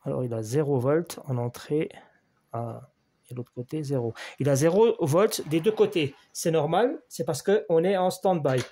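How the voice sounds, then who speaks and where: A man's voice: on the high side, a little slow, dark tone, slightly rough. A French-speaking man giving a hands-on electronics repair lesson, explaining each measurement step by step and talking straight to the viewer, often repeating his key points.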